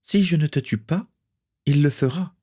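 Male narrator doing a defiant pirate woman, husky, slightly raised. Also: fairly high pitch, moderate pace, dark tone, voice pushed up. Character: defiant wounded female pirate, fierce. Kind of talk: audiobook character voice.

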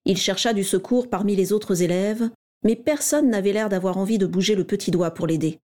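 A woman reading a story aloud in a steady, even storytelling manner. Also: mid-range voice, brisk. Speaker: narrator. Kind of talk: scripted story narration.

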